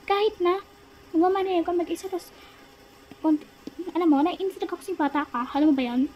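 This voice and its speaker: A woman voicing a strict, angry middle-aged father in a Toca Boca roleplay story, scolding slowly and sternly. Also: extremely high pitch, darkish tone, slight background noise, rough recording.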